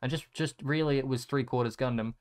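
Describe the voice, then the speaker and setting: A man's voice: mid-range voice, fairly even intonation, a little fast, darkish tone. A young man telling a rambling, sarcastic story in a casual chat, swearing freely as he looks through his photos. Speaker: content creator.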